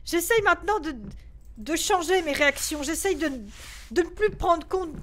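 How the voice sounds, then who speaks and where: A woman's voice: extremely high pitch, moderate pace, fairly bright tone, slight background noise. A woman giving horror game commentary, jumpy, yelping and swearing when startled and talking to herself in nervous bursts. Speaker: gaming video creator.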